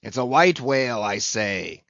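A man's voice: medium pitch, lively intonation, measured pace, gravelly, a bit bright, no echo, dull audio. A man voicing a fierce, obsessed old whaling captain in an audiobook, bellowing in declamatory, archaic seafaring speech. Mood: rousing, commanding.

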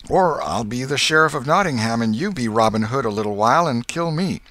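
A boastful storybook boy playing at outlaws, bossing his friend about in loud, raised calls, as a deep-voiced male reader puts him on. The voice jumps well above the reader's own low register and pushes hard. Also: unhurried, no echo. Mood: bossy. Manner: bossy, excitable, loud boyish calls.

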